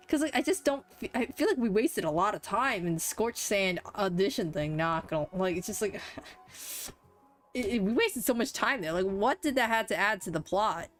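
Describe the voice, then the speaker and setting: A woman's voice: mid-range voice, animated, normal speed, soft background music. Chatty young woman streaming a game. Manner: chatty, filler-heavy, laughs and swears. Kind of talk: casual gaming commentary.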